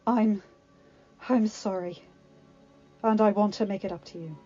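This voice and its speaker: A woman voicing a hulking male beast, fierce yet gentle, talking slowly and loudly over soft music. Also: mid-range voice, fairly even intonation, close to an everyday voice. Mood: remorseful. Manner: slow, loud and threatening. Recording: dull lo-fi sound with music.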